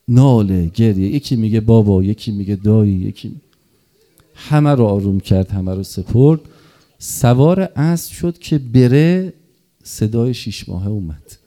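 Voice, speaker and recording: A middle-aged man giving an impassioned mourning sermon, dropping to murmurs and rising to loud cries. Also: lowish voice, expressive. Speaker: religious eulogist.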